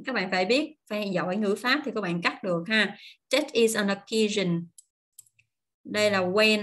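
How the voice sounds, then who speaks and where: A woman's voice: medium pitch, a bit bright. Chatty woman teaching pronunciation. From Vietnam. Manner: slow, drawn-out model words, then quick chatty explanations. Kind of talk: online pronunciation lesson.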